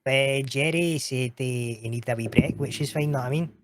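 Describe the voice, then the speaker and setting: A man's voice: medium pitch, moderate pace, background noise. A man telling stories in a casual interview chat, swearing freely with frequent laughing asides. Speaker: guest.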